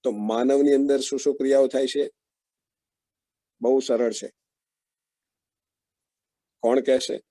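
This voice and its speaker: A male workshop facilitator with a mellow, mid-range voice and fairly even intonation leads an interactive online session over video call, with no echo. He speaks slowly, asks the group questions, and affirms their answers with frequent murmurs.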